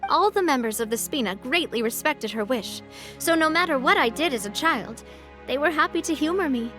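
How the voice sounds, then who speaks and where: In a video game, a woman voices a cheerful, confident young adult noblewoman who laughs easily, here in a wistful, reflective mood. Her voice sits high, expressive and fairly quick, over soft game music.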